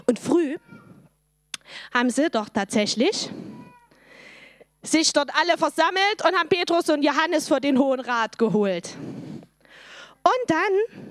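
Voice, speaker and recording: Brief: woman, high voice, dry close sound, animated children's Bible teacher who quizzes the kids. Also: no echo. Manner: lively storytelling, asks the children questions.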